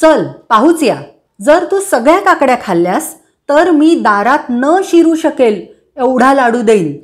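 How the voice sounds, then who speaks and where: Woman voicing a hot-headed street seller man, excitable, emphatic, raised storybook voice. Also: sits high, a little slow. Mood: excited. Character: fiery, quick-tempered male cucumber seller.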